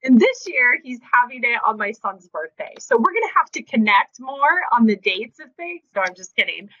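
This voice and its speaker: A woman's voice: a little high, sing-song, moderate pace, pushed and bright, muffled recording. A woman in her thirties co-hosting a podcast, chatting casually and bubbly, laughing often. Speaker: podcast co-host. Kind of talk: casual chat.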